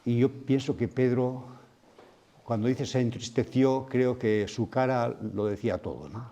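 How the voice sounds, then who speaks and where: A man with a mellow, warm voice preaches a sermon at a men's retreat. He speaks in a reflective way and keeps turning to the room with questions. His pitch sits in a mid range for a man. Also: measured pace, lo-fi sound. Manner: reflective, asks the audience questions.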